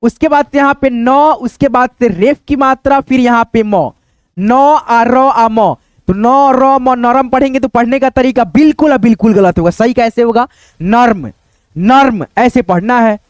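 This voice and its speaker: A man teaching Hindi reading online, breaking hard words into syllables and repeating them slowly, often calling the viewers friends. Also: extremely high pitch, dry recording. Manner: addresses viewers as friends with frequent fillers.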